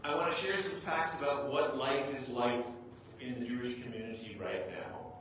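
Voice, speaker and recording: Recorded on a clip-on mic from a distance in a very echoey hall with faint noise, a rabbi talks informally to an audience. He's American and speaks English as his first language, his mid-range voice a bit bright and his pace moderate. He teases himself and regularly asks the crowd "right?"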